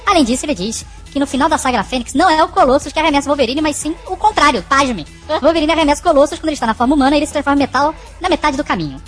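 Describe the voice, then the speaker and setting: A squeaky, sped-up cartoon chipmunk, sneering and sarcastic as he rattles off his lines at a racing clip. His voice sits far up high, with faint music running underneath. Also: lively intonation, racing, a bit bright. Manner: mocking, dismissive. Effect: sped-up high-pitched voice.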